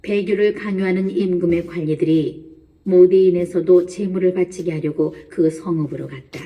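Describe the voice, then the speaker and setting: A woman narrating a Bible reading in a calm, measured way. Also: on the low side, distant mic.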